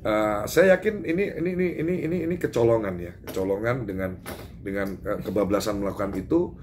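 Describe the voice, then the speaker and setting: A man from Indonesia giving an animated, emphatic statement to reporters, full of fillers and restarts. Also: fairly low pitch, quick pace, background noise. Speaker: public figure giving a press statement. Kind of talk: doorstop interview with reporters.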